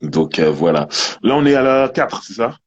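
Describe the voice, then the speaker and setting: Deep husky laid-back man. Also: moderate pace, lo-fi sound. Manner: relaxed, anecdotal, laid-back. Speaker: podcast co-host. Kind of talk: casual music chat.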